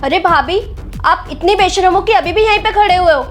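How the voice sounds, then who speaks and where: A woman's voice: extremely high pitch, a little fast, soft background music. A woman playing a spoiled young sister-in-law who taunts and complains in a family drama skit. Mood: taunting. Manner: taunting, whiny.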